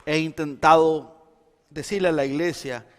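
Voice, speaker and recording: A man preaching a Sunday sermon as pastor, swinging between loud emphasis and quiet intensity. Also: a little high, steady tone, normal speed. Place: church sanctuary. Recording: long church hall reverb.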